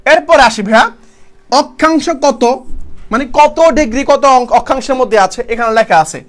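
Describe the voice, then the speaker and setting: A young male tutor gives a fast online exam-prep lecture in a very high voice. He fires questions at his students and answers them himself, repeating each key term. He speaks casually and calls his students brother. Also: a bit bright.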